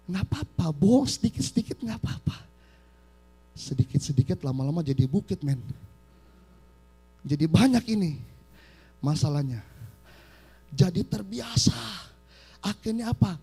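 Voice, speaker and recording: A man's voice: very high voice, a bit bright. A male pastor preaching a live church sermon, emphatic and constantly addressing his congregation as brothers and sisters. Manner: acts out quoted voices. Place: church service.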